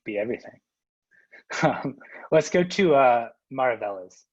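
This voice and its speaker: A man's voice: medium pitch, expressive, a little slow, darkish tone, breathy edge, muffled recording. A man instructing a class, calling on students with brief, friendly prompts.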